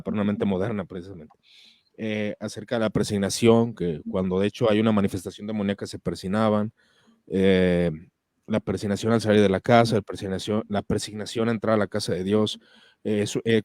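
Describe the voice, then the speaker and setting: A man's voice: lowish voice, darkish tone, dry recording, clean studio sound. A man hosting a casual conversation on theology, hesitant and full of fillers and restarts. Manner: hesitant, many fillers and restarts, laughs while reading comments. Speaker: host.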